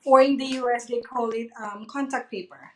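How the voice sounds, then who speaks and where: A woman's voice: on the high side, steady tone, a little fast, darkish tone, slight background noise. A woman co-hosting a live cake decorating class, chiming in casually and speaking to her viewers directly. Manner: friendly, chimes in, addresses viewers as "guys". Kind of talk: live demonstration, casual chat. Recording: echoey room.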